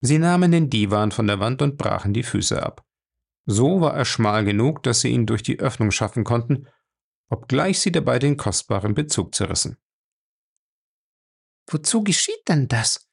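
Man, audiobook narrator, gravelly, mid pitch, steady. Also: normal speed. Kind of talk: audiobook reading.

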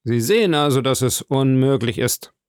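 A man's voice: mid-range voice, moderate pace, a little mellow, clear, resonant tone, no room sound, clean studio sound, natural voice. A man voicing a cool, sceptical middle-aged magistrate in a read-aloud story, formal in his speech.

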